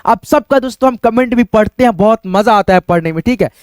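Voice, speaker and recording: A man's voice: high-pitched, quick pace, clear, resonant tone, dry recording. A man teaching English reading, explaining letter sounds and quizzing his viewers as friends, with lots of repetition. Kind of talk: Hindi-language phonics lesson.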